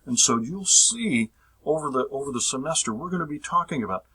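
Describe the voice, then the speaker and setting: A man teaching a recorded physiology lecture, repeating phrases, checking that his listeners follow, and drawing out key terms slowly. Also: medium pitch, animated, sharp tone, husky, poor audio. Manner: repetitive, checks understanding with the audience.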